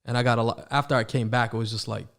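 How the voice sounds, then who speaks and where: A man born in Morocco and raised in the United States, hosting a podcast in a relaxed, friendly way and saying "bro" often. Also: mid-range voice, racing, vocal fry. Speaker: podcast host. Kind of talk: casual podcast conversation.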